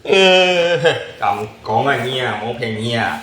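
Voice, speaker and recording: Casual guy from indonesia just chatting, mid pitch, lots of quick questions, echoey room. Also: lively intonation, a bit bright. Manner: chatty, often asks back with short questions. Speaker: channel host. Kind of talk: casual chat. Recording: roomy echo.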